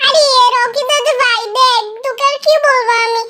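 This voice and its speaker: A woman voicing a bossy little girl in a doll cartoon, scolding and giggling in shrill bursts. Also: fairly even intonation, moderate pace, pushed and bright, slight background noise. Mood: mocking.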